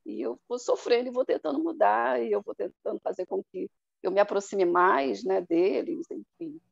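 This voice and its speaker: A woman's voice: mid-range voice, animated, moderate pace, gravelly, slightly rough, no room sound. A woman teacher talking reflectively about her students in a casual online meeting. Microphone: video call. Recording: dry dull video call audio.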